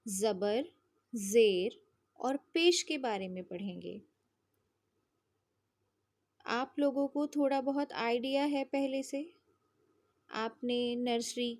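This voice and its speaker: A high-pitched woman teaches young children at an unhurried pace. She patiently spells out sounds in drills and keeps asking if they follow. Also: a little mellow. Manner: patient, drawn-out spelling drills with frequent check-ins. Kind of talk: slow children's lesson.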